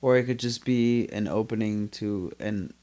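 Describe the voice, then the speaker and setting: A man's voice: on the low side, unhurried, dark tone. A man co-hosting a casual podcast, speaking hesitantly and often trailing off mid-thought. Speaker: podcast co-host. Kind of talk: casual chat.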